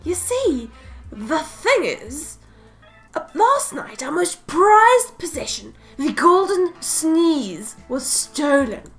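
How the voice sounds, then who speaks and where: Woman doing a flustered museum director, anxious, drawn-out words, faint music behind. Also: high-pitched, sing-song, a bit bright, exaggerated voice. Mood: fretful. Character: fretful male museum director.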